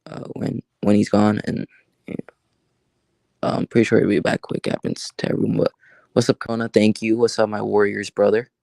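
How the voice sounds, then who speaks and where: A man hosting a casual livestream chat, rambling and halting with many fillers and restarts. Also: fairly low pitch, level tone, creaky, darkish tone, no echo. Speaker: livestream host.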